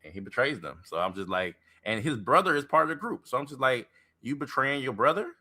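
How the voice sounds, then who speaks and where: Male podcast co-host, casual chat, lively swings in pitch, bright tone, repeats himself. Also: fast. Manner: animated, repeats himself, laughs a lot.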